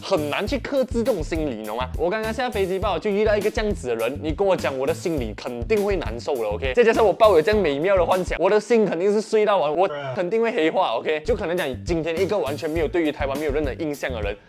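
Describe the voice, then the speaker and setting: A young Malaysian man with a Malaysian Mandarin accent, telling a casual story, animated and often asking "you know?". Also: a little high, fast talker, few pauses, over music. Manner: animated, peppered with "OK" and "你懂吗". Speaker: vlogger.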